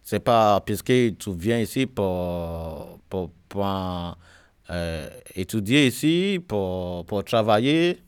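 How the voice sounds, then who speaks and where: Nigerian-born man interviewer, slow, hesitant, dry sound. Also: fairly low pitch, expressive, clean tone, dry recording. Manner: hesitant, restarts often. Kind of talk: casual interview in a group.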